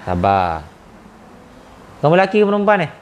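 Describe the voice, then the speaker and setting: A man's voice: fairly high pitch, huge pitch swings, moderate pace, muffled recording, slight background noise. A man, a spiritual healer running a healing session with probing, firm questions.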